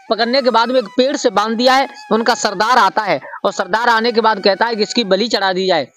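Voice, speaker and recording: A man's voice: high-pitched, fairly bright tone. A man telling a folk tale in a homely way, calling his listeners brother. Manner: folksy, addresses listeners as brother. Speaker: storyteller. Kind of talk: folk storytelling.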